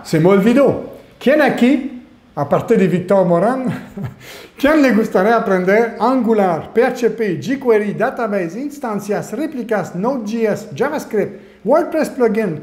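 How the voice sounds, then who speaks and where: A man with a Panamanian Spanish accent tinged with French-Canadian, hosting a live webinar as an online marketing mentor and pitching to viewers with rhetorical questions. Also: a little mellow. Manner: salesy, fires rhetorical questions at viewers, lists skills. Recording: roomy echo.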